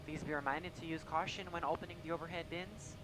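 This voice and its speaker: A man's voice: steady tone, fast, close to an everyday voice. A man playing a courteous airline crew member, reading a formal scripted cabin announcement. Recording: clear engine rumble behind.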